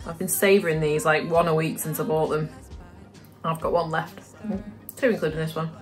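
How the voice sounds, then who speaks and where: A woman's voice: low-pitched, steady tone, normal speed, faint music behind. A British woman from the UK chatting casually to camera for her vlog, talking through her day as she goes. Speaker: vlogger.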